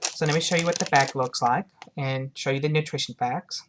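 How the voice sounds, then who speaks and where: A woman giving a casual product review to her viewers, talking in a halting way and often rephrasing herself. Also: rumbling low, noisy background.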